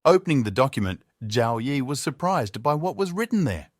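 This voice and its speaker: Male narrator, mid-pitched voice, scripted story recap, even and matter-of-fact, dry recording. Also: normal speed, no room sound.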